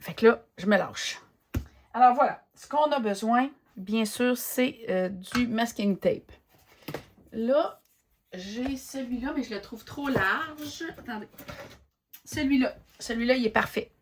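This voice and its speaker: A woman with a Québécois French accent chatting casually as she works in her art journal, thinking aloud with many pauses and fillers. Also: fairly high pitch, slight background noise. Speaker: craft vlogger. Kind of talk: casual chat while crafting.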